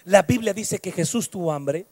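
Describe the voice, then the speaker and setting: Impassioned high-voiced Mexican preacher. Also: male voice, expressive, normal speed, dry recording. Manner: impassioned, shifting between shouts, singsong and quiet storytelling. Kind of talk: sermon.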